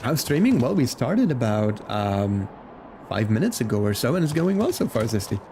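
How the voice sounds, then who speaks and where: Streaming games live, this chatty Belgian man talks to viewers casually and greets them by name in English, a second language he picked up from video games. He speaks at a moderate pace in a medium, slightly mellow voice with big pitch swings, over slight background noise.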